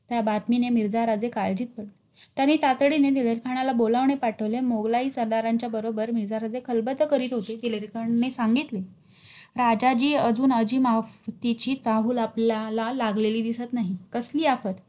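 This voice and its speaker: A woman narrating a historical novel in a steady, even storytelling voice. Her voice is fairly high, with a soft, mellow tone.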